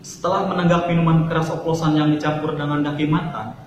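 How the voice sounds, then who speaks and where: Man as spoof TV news anchor, formal and earnest, fairly high voice, swimming in reverb. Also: little pitch movement, fast, close to an everyday voice. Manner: formal, announcer-like. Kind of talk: mock news presenting. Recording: very echoey reverberant hall, noisy.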